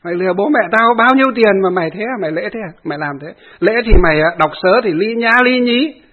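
A man voicing an angry grown son who hurls insults and shouted accusations. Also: high voice, lively intonation, quick pace, voice pushed up. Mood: furious. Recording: tinny phone-like audio.

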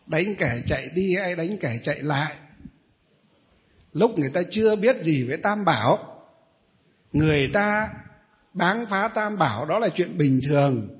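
A middle-aged Buddhist monk tells a long story to his listeners in a high voice. He rambles, pauses on fillers and throws questions at the audience. The recording sounds dull and lo-fi. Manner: rambling storyteller, many hesitations, addresses listeners. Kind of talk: storytelling dharma talk.

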